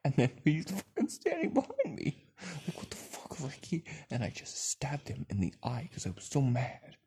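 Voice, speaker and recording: A man's voice: mid-range voice, wildly swooping pitch, normal speed, dark tone, slight background noise. A man doing improvised crude comedy banter, rambling through absurd profane stories and often breaking into laughter.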